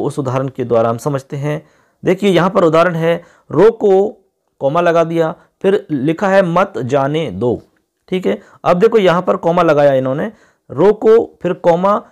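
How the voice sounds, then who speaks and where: A man with a fairly high voice, teaching an exam-prep grammar lesson. He explains step by step and keeps checking that the students follow along. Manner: explanatory, often asks "ठीक है?".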